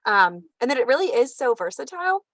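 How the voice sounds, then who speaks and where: An American woman who talks quickly and brightly as she hosts a relaxed conversation. Her voice sits fairly high and sounds dry and close, and she asks curious, bubbly questions. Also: dry recording. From United States. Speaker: host. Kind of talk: casual interview chat.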